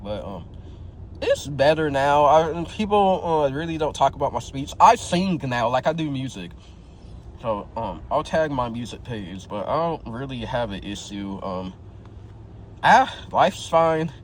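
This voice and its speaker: A man's voice: medium pitch, big pitch swings, a little slow, a little hiss or hum, low-quality recording. Man in his twenties with a slight lisp. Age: 20s. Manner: slangy and candid, tags phrases with "bro" and "yo", many restarts. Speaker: vlogger sharing his experience. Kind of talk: casual talk to camera.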